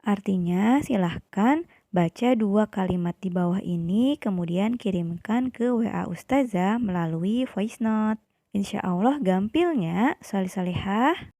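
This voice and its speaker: A woman teacher leads a primary-school lesson at a very unhurried pace. She explains each example carefully and patiently for young children, in a mid-range voice. The recording is dry and close, with no room echo. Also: mid-range voice, dark tone.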